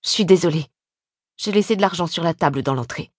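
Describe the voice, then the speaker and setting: A woman's voice: medium pitch, brisk, no echo, studio quality, close to an everyday voice. A woman reading the lines of a worn-out, guilt-ridden young man in an audiobook, with tense, apologetic pleading. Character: guilty, worn-out young man leaving his sick wife.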